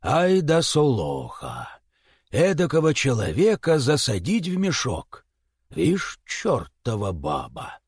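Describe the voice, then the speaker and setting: A man's voice: mid-range voice, huge pitch swings, slow, husky, no room sound, studio quality, heavily acted. A man voicing a blunt, suspicious middle-aged Cossack villager who exclaims and grumbles. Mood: blustering.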